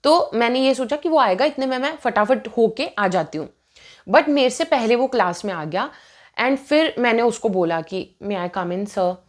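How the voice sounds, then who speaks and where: A woman's voice: fairly high pitch, lively intonation, moderate pace. A woman in her twenties casually telling a personal story to camera, chatty and indignant, switching between Hindi and English mid-sentence.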